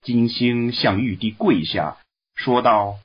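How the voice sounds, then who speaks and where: Slow, expressive male storyteller. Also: medium pitch, slightly rough. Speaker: story reader. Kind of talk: Chinese storybook read-aloud. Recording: dull lo-fi recording.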